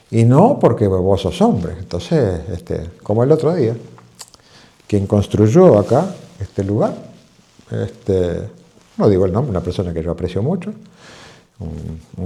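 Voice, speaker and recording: A Uruguayan-accented doctor speaks on a health program, his warm, mellow voice swinging widely up and down. He keeps throwing rhetorical questions at his viewers and tells stories with plenty of animation. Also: mid-range voice. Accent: Uruguayan Spanish. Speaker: physician. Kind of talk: televised health talk.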